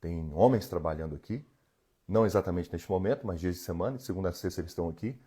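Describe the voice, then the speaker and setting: This man in his 40s talks fast in a low, mellow voice with a breathy edge. Working as an emotional healing therapist, he coaches his live-stream audience earnestly from home, addressing them head-on and responding to their comments.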